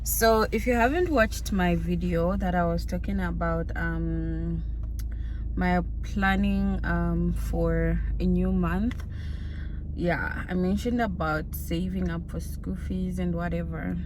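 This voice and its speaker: A woman's voice: fairly low pitch, steady tone, slow, faint music behind, poor audio. A young woman chatting effusively to her viewers from inside her car. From Zambia. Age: young adult. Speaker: YouTuber. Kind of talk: casual vlog chat while driving. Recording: loud car and road noise.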